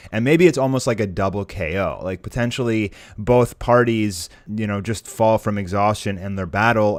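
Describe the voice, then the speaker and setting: An online anime commentator, a man with a lowish voice, offers viewers casual, conversational commentary and speculation. The studio sound is clean with no echo, and music plays behind his voice.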